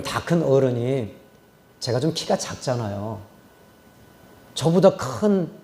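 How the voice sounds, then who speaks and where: A middle-aged male pastor telling a story in a sermon, moving between loud exclamations and hushed, whispered quotes. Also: medium pitch.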